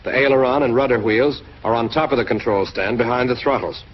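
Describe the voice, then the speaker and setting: A man talks fairly quickly at medium pitch, delivering scripted directions to the listener for a training film. His instructive narration comes across with the dull lo-fi sound of a 1940s film soundtrack.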